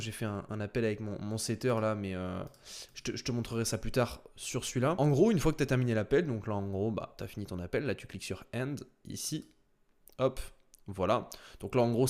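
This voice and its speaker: A man talks quickly through a casual screen-share tutorial, his voice sitting at an ordinary middle pitch. He strings thoughts together with constant fillers and punchy little sound words as he clicks along. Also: darkish tone. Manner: rapid, filler-heavy, with sound words like "boum" and "tac". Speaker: sales coach.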